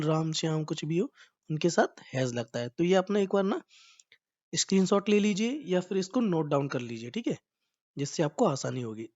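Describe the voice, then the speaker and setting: A man teaching an English grammar lesson, explaining patiently and repeatedly checking that listeners follow, with slow drawn-out example sentences. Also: on the high side, darkish tone. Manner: patient, repetitive explaining, often checking "right?". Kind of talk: classroom-style grammar lesson. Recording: slightly dull lo-fi recording.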